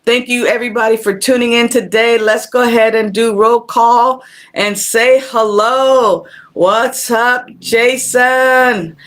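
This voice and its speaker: A woman's voice: fairly high pitch, fairly even intonation, slow, a bit bright. A woman minister hosting a live-streamed spiritual talk, greeting viewers by name and speaking in a conversational preaching manner that repeats phrases for emphasis. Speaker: minister and show host. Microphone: camera.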